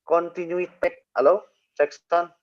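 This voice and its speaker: A male Islamic teacher in an online study session whose voice glitches and cuts out over a choppy video call, words dragging slowly. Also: fairly high pitch, little pitch movement, muffled recording. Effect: choppy, glitching video call audio that cuts out.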